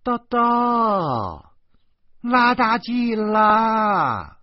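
A man's voice: a little high, big pitch swings, slow, breathy edge, no room sound, dull audio, pitched above the performer's own voice, heavily acted. A man voicing a mentally unstable grown man, swinging between tears and childish delight in an audiobook. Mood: giddy. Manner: sudden swings between sobbing and laughter.

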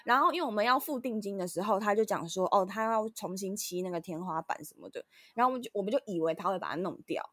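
A woman's voice: medium pitch, quick pace, hardly any pauses, no room sound. A woman co-host, telling an annoyed story in casual chat. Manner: animated, frustrated storytelling. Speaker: podcast co-host.

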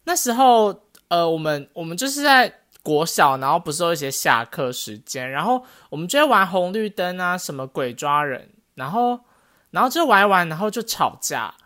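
A woman co-hosts a casual podcast, telling a story with many restarts. Her voice sits a little low and swings widely in pitch. Her tone is bright. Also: normal speed. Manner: animated storytelling with frequent restarts. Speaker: podcast co-host. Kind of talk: casual chat.

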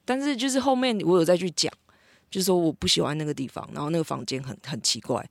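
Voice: medium pitch, fast, gravelly, no room sound. A young adult, a podcast co-host casually recalling school days in matter-of-fact anecdotes.

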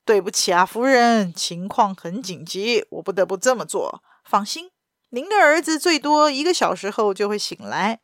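A woman voicing a suave, mocking gentleman thief in a read-aloud story, teasing and sure of himself. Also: medium pitch, lively intonation, no echo, studio quality, lightly acted. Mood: smooth apologetic. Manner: teasing, confident, quick.

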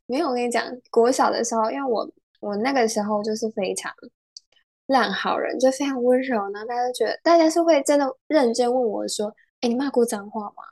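Young woman, giggly animated storyteller, slightly high voice. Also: fast talker. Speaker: guest. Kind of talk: casual chat.

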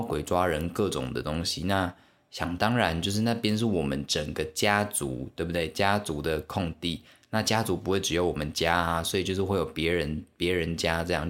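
A young man with a Taiwanese Mandarin accent hosting a casual solo podcast, rambling through stories with many restarts and asides to the listener. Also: low-pitched. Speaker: podcast host.

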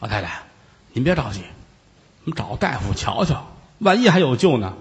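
A man's voice: mid-range voice, very animated, normal speed, slightly rough, in a large hall. A man voicing a loyal, shrewd head steward who speaks bluntly and skeptically in a spoken storytelling piece. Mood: soothing.

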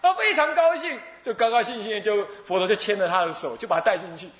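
A man's voice: high voice, quick pace, a bit bright, reverberant. A male Buddhist abbot with a Taiwanese Mandarin accent, preaching a sermon as a playful, laughing storyteller. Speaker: abbot and dharma teacher.

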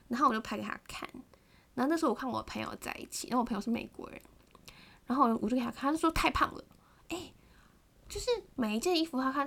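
A young woman hosting a podcast, telling a personal story in an animated, casual way, often acting out someone shouting. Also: high-pitched. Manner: animated, mimics a shouting partner, many fillers. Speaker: podcast host.

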